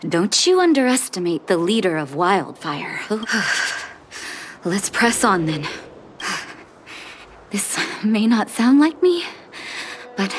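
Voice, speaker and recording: A woman with a medium-pitched voice plays a gentle, resolute doctor and leader in a video game. Her delivery is soft, measured and thoughtful.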